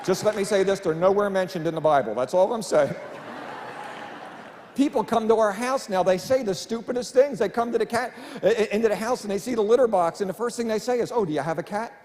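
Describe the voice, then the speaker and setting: A middle-aged comedian with a high-pitched voice spins chatty, self-deprecating stories. He performs on a church stage, and the sound carries a long hall reverb with faint room noise behind him. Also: fast talker, darkish tone. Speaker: stand-up comedian. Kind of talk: family-friendly stand-up comedy. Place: church stage before a live audience.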